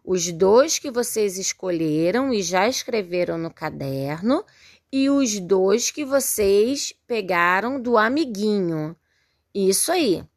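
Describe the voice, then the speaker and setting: A Brazilian woman who teaches primary school gives a recorded remote lesson for young children, speaking slowly and patiently. Her mid-range voice is animated, and she spells words out syllable by syllable with frequent praise. The sound is clean studio audio with no echo.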